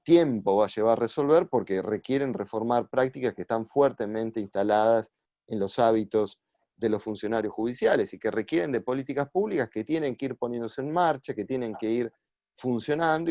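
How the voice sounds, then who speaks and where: A man giving a measured, explanatory talk, often pausing on "eh" and repeating words. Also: medium pitch, mellow, no room sound. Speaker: guest speaker on judicial reform. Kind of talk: lecture-style explanation. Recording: dull lo-fi, dry sound.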